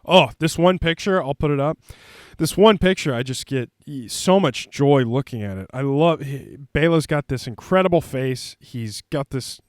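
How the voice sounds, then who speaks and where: A man's voice: mid-range voice, lively intonation, normal speed, darkish tone, no echo, studio quality. A man hosting a casual movie commentary vlog, rambling with lots of fillers and goofy jokes. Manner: rambling, filler-heavy, jokey. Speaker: host.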